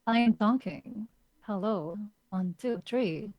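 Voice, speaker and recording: A woman's voice: medium pitch, slow, dry recording, lo-fi sound. A woman chatting as a podcast guest over a voice call, her voice coming through with a robotic, metallic glitch. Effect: robotic, metallic glitchy voice filter. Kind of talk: casual chat over a voice call. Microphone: voice call through a mixer app.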